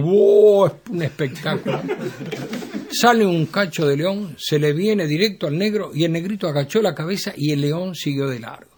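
A man with an Argentine accent telling dirty jokes in a lively storytelling way. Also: on the high side. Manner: lively storytelling, laughing at his own jokes. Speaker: joke teller.

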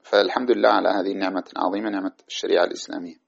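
A man's voice: low-pitched, steady tone, very fast, gravelly, slightly rough. A man teaching Islamic jurisprudence in a classroom lecture, reading passages from a text and explaining them at length. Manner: reads a passage aloud, then explains it at length. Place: lecture hall with microphones. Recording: dull lo-fi lecture recording.

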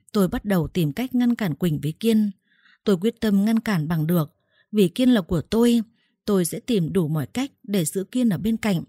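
A woman reading a first-person story aloud in a steady storytelling voice and voicing its dialogue. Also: fairly low pitch, no echo, studio quality. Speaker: narrator.

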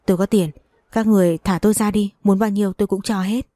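A woman's voice: medium pitch, steady tone, fast talker, dark tone, dry recording, natural voice. Woman voicing a scheming young woman. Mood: bitter, scheming.

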